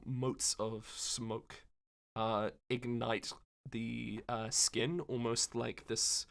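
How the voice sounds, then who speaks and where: A man narrating as game master of a tabletop game, describing the action with many pauses and fillers. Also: mid-range voice, level tone, gravelly, a bit bright.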